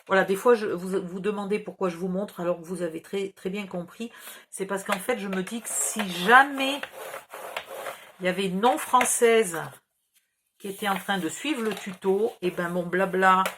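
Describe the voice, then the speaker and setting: Woman, southern French accent, craft tutorial host, chatty and patient, medium pitch. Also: moderate pace, noisy background. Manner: chatty, patient, explains each gesture. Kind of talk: step-by-step craft instructions.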